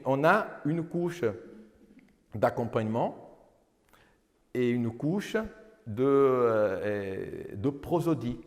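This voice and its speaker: A man's voice: mid-range voice, a little mellow. A man giving a lecture, explaining rhythm by counting beats, with frequent restarts, and now and then singing verses to illustrate. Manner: explains with counting and sung examples, many restarts. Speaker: lecturer and singer demonstrating cantoria. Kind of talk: lecture with sung guitar demonstration. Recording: lecture hall with long reverb, guitar.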